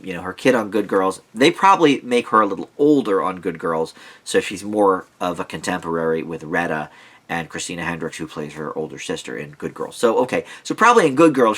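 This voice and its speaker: A man's voice: lowish voice, a bit bright. A man giving a casual, rambling movie review, thinking aloud and drifting into side points in a conversational way. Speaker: film reviewer.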